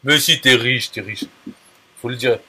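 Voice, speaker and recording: Guy rambling casual, lots of euh and restarts, kinda crude, middle pitch. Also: pushed and bright, slightly rough. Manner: halting, many fillers and restarts, blunt crude slang. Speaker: affiliate marketer. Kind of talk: casual talk to a viewer.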